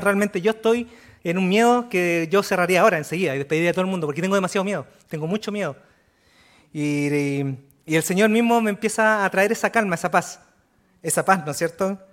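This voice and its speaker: High-voiced preaching man. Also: a bit bright. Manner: earnest preaching with frequent rhetorical asides; repeats words and restarts phrases. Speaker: pastor. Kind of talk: sermon.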